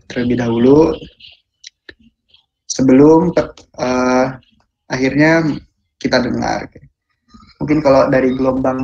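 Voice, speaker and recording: A young man giving a relaxed student presentation, filling pauses with "ya" and hesitations. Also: medium pitch, dull audio, a little hiss or hum. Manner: relaxed, many fillers and tag "ya". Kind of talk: casual online presentation.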